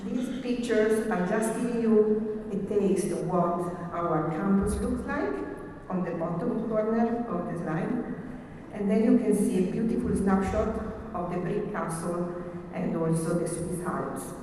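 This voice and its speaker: A woman's voice: fairly low pitch, mellow. Woman giving a keynote in an echoey hall. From Italy. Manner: formal, measured, reading from slides. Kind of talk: conference keynote speech. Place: large conference hall. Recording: echoey hall from far off, faint hiss.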